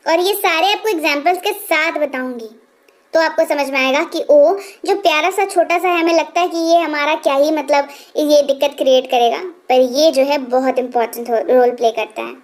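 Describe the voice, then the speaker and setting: A woman teaching English pronunciation as a lesson, often asking the viewer rhetorical questions and repeating each word slowly before giving its meaning. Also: high-pitched. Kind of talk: explanatory spoken lesson.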